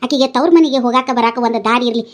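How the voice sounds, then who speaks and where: A woman's voice: on the high side, fairly even intonation, fast talker, close to an everyday voice. A woman voicing an older widowed village mother who scolds and pleads with her drinking son, in a North Karnataka Kannada accent. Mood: scolding. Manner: nagging, pleading, tearful.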